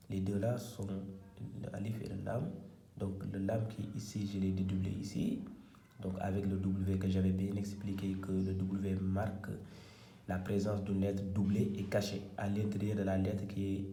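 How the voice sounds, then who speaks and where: Man, low dark voice, halting and self-correcting, roomy echo, faint room noise. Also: flat delivery. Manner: soft, drops to near-whisper while writing. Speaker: Quran and Arabic teacher. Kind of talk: hesitant whiteboard lesson.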